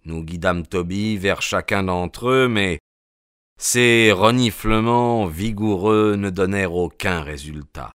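A man reading a story aloud as an audiobook narrator, in measured storytelling. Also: low-pitched, fairly bright tone, clean tone, no room sound, clean studio sound. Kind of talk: scripted narration.

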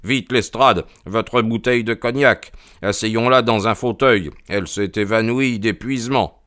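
A man's voice: on the low side, a little slow, fairly bright tone, no echo, clean studio sound. A man reading aloud, voicing a cold, commanding male detective in a slightly raised voice. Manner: cold, clipped delivery.

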